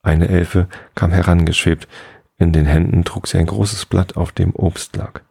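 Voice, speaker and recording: A man reading a fairy tale aloud for a sleep podcast, slow and soothing. His voice is very low, with a creaky, husky texture. The recording is close and dry. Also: fairly even intonation, a little mellow, no echo. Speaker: bedtime podcast host. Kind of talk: calm bedtime story reading.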